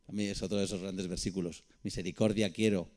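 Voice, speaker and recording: A man's voice: low-pitched, steady tone, fast, a little mellow. A man with a Peninsular Spanish accent preaching and reading Bible verses aloud, with conversational asides to his listeners. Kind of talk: Bible study sermon with scripture reading.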